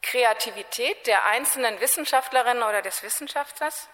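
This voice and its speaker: A woman's voice: a little high, fairly bright tone. Woman lecturing in a reverberant hall. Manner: measured, with deliberate pauses and self-corrections. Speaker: speaker giving an introductory talk. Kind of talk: formal lecture before a panel discussion. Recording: long reverb of a large hall.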